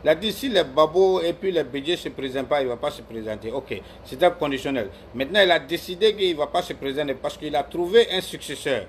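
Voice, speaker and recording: A man's voice: on the high side, fast talker, few pauses, a little hiss or hum. A man in a casual political discussion, arguing his case and repeating his points. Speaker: political commentator.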